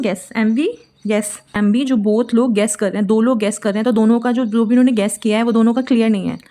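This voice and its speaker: A woman teaching vocabulary in casual Hindi mixed with English, explaining memory tricks step by step and slowing down on key words. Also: on the high side, darkish tone.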